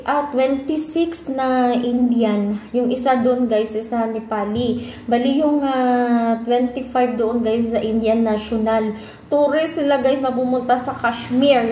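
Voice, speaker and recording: A woman's voice: on the high side, darkish tone, a little hiss or hum. Chatty Filipino woman vlogging in an echoey room. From Philippines. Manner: chatty, calls out to viewers often, mixes in English. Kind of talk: casual chat to camera. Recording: echoey room with faint ambience.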